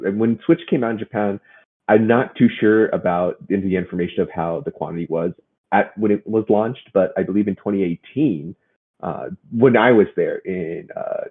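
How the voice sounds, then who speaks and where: Husky lowish guy rambling on a podcast, sounds like a phone line. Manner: rambling, many restarts. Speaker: podcast co-host. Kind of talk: casual chat. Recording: phone-like muffled audio.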